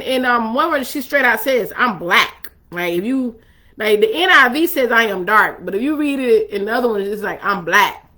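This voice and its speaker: A woman teaching from the Bible in a chatty, animated way, full of asides to her listeners. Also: high voice.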